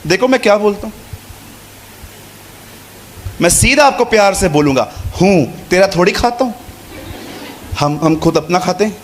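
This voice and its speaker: A man's voice: high voice, slight background noise. A man preaching a sermon to a congregation in a conversational way, repeating phrases and acting out little dialogues. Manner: conversational Hindi preaching with repetition and quoted dialogue.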